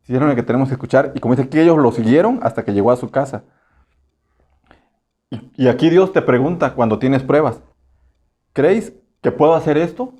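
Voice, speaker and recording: A man with a Mexican Spanish accent preaching a casual, conversational sermon. He keeps asking the congregation rhetorical questions and slips into quick acted voices. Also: medium pitch, mellow, slightly rough. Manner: acts out short voices for humor.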